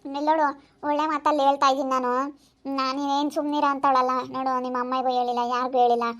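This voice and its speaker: A woman's voice: high-pitched, level tone, fast, fairly bright tone. A woman playing a jealous village wife who scolds and threatens in a skit. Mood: scolding. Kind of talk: skit acting.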